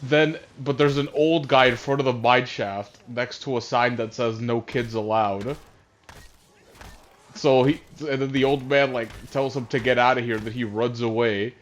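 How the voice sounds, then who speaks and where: A man's voice: medium pitch, steady tone, measured pace, slight background noise. A man ranting casually on a voice call, rambling and exasperated, with lots of swearing and restarts. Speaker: streamer. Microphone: voice chat headset. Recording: dull lo-fi console chat audio.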